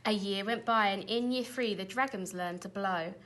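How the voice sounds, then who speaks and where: A woman teacher reading a children's storybook aloud in an animated, expressive way. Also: medium pitch, moderate pace.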